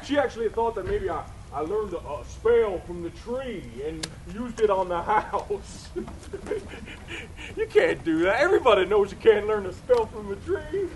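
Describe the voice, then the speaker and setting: A man's voice: high-pitched, sing-song, moderate pace. A man playing an eccentric old backwoods hermit who talks to trees, rambling and chuckling in a folksy way, recorded outdoors. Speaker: costumed character performer with visitors. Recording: outdoor noise with passing traffic.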